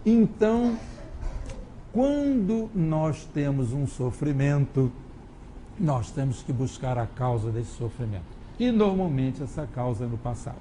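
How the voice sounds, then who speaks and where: A man with a Brazilian Portuguese accent giving a spiritist lecture, conversational, moving between low musing and lively quoted voices. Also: slight background noise. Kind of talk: lecture with anecdotes. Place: lecture hall.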